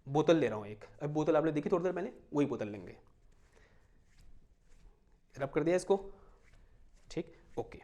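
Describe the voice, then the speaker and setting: A man's voice: on the high side, a little mellow. A man teaching physics, running a live demonstration and asking the class questions before answering them himself. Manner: dictates headings slowly, mixing in English terms.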